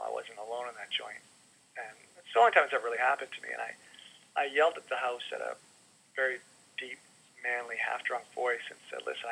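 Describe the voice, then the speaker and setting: A man's voice: medium pitch, gravelly, sharp tone, breathy edge, poor audio. A middle-aged man from Canada, an inn owner being interviewed, telling folksy, rambling stories with many restarts. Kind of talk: casual storytelling interview.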